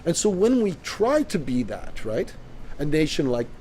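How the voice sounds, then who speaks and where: A man's voice: on the high side, very animated, a little slow, a little mellow, a little hiss or hum. A Canadian man in casual discussion, arguing his point emphatically and often checking in with "right?". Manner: emphatic, interjects with repeated "right?". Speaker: co-host.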